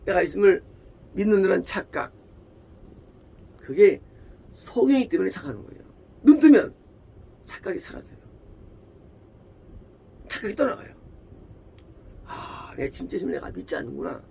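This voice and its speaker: A man's voice: high voice, big pitch swings, moderate pace, gravelly, long pauses, dark tone, husky. A man preaching a sermon as pastor, emphatic, repeating phrases and firing rhetorical questions at the congregation.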